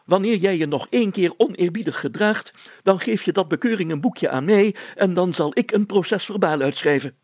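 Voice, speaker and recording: A man's voice: high-pitched, brisk, darkish tone, no room sound, voice pushed up. A man reading a storybook aloud, voicing a pompous, self-important male mayor who blusters and lectures.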